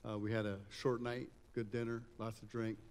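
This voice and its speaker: A middle-aged German man with an American-tinged accent gives an informal motivational keynote in a conference campus event hall, speaking conversationally and posing rhetorical questions to the audience. His lowish voice is clean and darkish, delivered flatly at a moderate pace. The hall is echoey with a long reverb.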